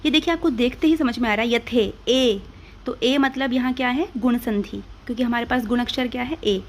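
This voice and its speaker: Indian lady teacher, patient, asks then answers herself, bit high voice. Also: a little fast, a little hiss or hum. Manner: patient, asks and answers her own questions. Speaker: Hindi grammar teacher. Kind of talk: classroom-style explanation.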